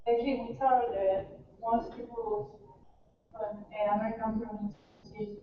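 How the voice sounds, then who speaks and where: A woman's voice: on the high side, steady tone, moderate pace. Hesitant woman asking from far off. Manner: hesitant, broken phrasing. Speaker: exam candidate. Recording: distant, dull, echoey hall with faint noise.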